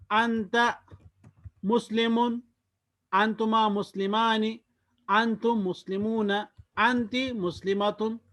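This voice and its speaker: A man with a fairly high voice teaches an Arabic grammar lesson. He speaks slowly and sounds out each word form with care. After each form he gives a short gloss in Hindi. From Kashmir, India. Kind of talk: slow spoken lesson drilling word forms.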